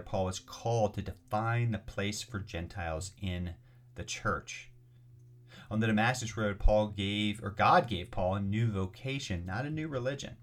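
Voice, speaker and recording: A man teaching as a rabbi, reading scripture passages aloud and explaining them with emphatic, repeated points and occasional restarts. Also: sits low. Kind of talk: lecture on scripture.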